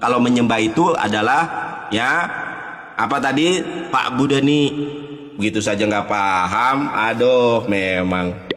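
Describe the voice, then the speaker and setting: A man's voice: mid-range voice, unhurried, a bit bright, echoey room, big-room sound, a little hiss or hum. A man in a heated live debate, taunting his opponent and reciting Arabic phrases. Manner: mocking, taunting, insulting.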